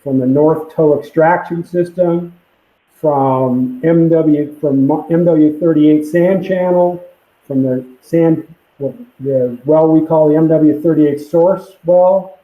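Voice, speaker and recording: A man's voice: on the high side, fairly even intonation, takes it slowly. A man giving a plain, matter-of-fact technical briefing on a call, his voice muffled as if talking through a pipe from a computer mic. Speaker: site presenter at a public conference call. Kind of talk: technical briefing reading from a permit. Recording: echoey, muffled call audio.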